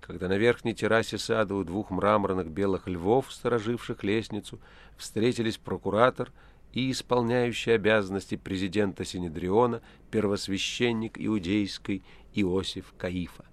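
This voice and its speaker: A man reads a novel aloud as an audiobook narrator. His voice sits on the low side. The delivery is measured and even throughout. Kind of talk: scripted literary narration.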